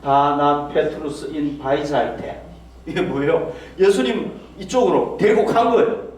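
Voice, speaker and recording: A man's voice: on the high side, unhurried, darkish tone. A male pastor preaching a sermon, often putting rhetorical questions to the congregation and acting out quoted speech in a raised voice. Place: church hall. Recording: very echoey hall, mic far off.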